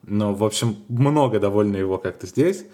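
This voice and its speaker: A man co-hosting a podcast, chatting casually and telling stories in a musing, unhurried way with small hesitations. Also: on the low side, warm tone. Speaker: podcast co-host.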